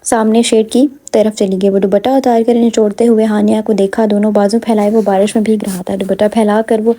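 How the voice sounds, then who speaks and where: Female audiobook narrator, warm mellow tone, steady reading. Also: mid-range voice. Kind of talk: novel read aloud.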